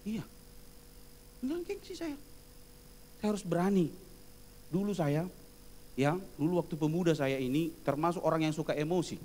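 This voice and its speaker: A middle-aged Indonesian preacher gives a humorous sermon, acting out quoted voices in his stories and laughing frequently. His voice is mellow and on the high side, and he speaks a little fast. There is a slight hiss or hum in the recording.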